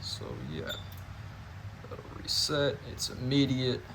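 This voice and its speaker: A man's voice: mid-range voice, little pitch movement, takes it slowly, fairly bright tone, slight background noise, low-quality recording. A man giving a casual hands-on demonstration, narrating each step informally as he goes. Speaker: fire alarm hobbyist demonstrator.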